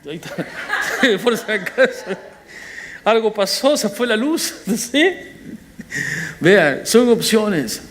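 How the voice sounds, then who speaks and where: Un pastor predicando un sermón de forma animada, con apartes juguetones. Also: male voice, high voice, slow pace, long pauses. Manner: animated preaching with playful asides. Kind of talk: sermon.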